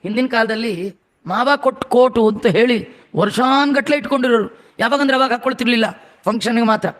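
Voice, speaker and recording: A man with a strikingly high voice delivers a devotional sermon. He chants scriptural verses, then explains them with homely everyday examples. He keeps asking the audience questions and answering them himself. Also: fairly quick, fairly bright tone. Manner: homely examples, conversational asides to listeners. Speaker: religious scholar giving a discourse.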